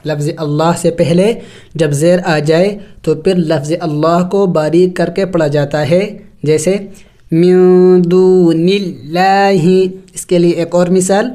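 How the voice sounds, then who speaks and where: A Quran tajweed teacher giving a step-by-step recitation lesson. They spell out syllables slowly, then explain each rule at a brisk pace. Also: mid-range voice, steady tone, dark tone.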